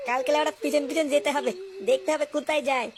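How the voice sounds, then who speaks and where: A woman voicing a squeaky hot-tempered village husband. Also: steady tone, noisy background. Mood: scheming. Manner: shouting curses, quick-tempered. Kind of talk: comic cartoon voice acting.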